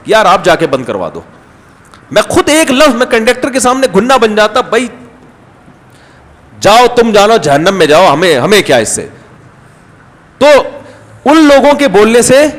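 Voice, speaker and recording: A man giving a conversational religious lecture, telling stories and acting out the people he quotes. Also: sits high. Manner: storytelling, animated, acts out quoted people. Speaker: Islamic scholar giving a talk. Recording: long hall reverb.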